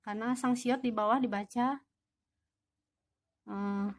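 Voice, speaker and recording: Slow, patient woman teaching a language. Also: on the high side, steady tone, heavy background noise. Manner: patient, asks and answers own questions. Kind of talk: online lesson explanation.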